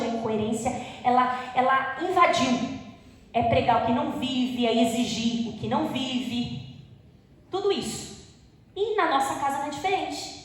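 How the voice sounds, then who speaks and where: A woman teaching a Bible study in church, talking in a conversational way, asking the listeners questions and acting out quoted parents. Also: a little high. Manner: acts out quoted parents and children. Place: church hall. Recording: very echoey hall, speaker far from the mic.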